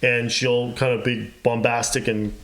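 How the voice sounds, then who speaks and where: A man's voice: mid-range voice, flat delivery, a little slow, a bit bright. Man on a movie podcast, unsure, keeps restarting sentences, echoey room. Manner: hesitant, repeats words, skeptical. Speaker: podcast co-host. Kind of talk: casual chat.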